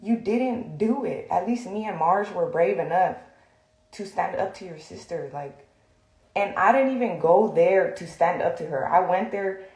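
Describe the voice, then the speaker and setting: A woman's voice: medium pitch, darkish tone. Swearing young woman ranting, echoey room. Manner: heated, blunt, swears often, many fillers. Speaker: social media personality. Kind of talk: casual rant to the camera.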